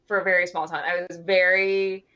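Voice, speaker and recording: A woman from Wisconsin in her thirties with an Upper Midwest accent, chatting as a guest in a casual interview, self-deprecating and quick to laugh. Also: fairly low pitch, flat delivery, pushed and bright, clear, resonant tone, lo-fi sound. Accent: Upper Midwest American.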